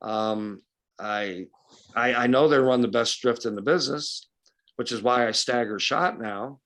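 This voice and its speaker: A man from western New York holding forth in casual club talk, a fishing guide with a blunt, folksy, opinionated way of putting things. His voice sits at an ordinary middle pitch. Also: a little slow, a bit bright. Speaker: guest speaker, fishing guide.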